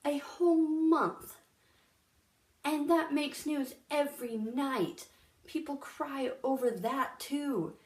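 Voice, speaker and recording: A woman's voice: high voice, slow pace. A young woman talking casually and earnestly to camera, with lots of fillers. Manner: chatty, filler-heavy, earnest. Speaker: vlogger. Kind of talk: casual vlog monologue. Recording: echoey room.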